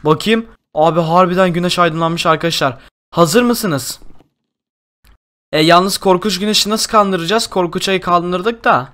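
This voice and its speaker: A young man hosting a Minecraft role-play, talking in an excitable, exclamatory way. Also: high voice, a little slow. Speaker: gaming YouTuber host.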